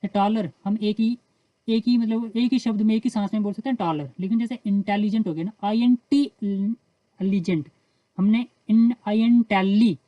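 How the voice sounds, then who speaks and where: A woman with an Indian accent teaches English grammar in Hindi, going through the rules step by step and reading the English example sentences slowly. Her voice is medium-pitched and steady, and the audio is dull with no echo.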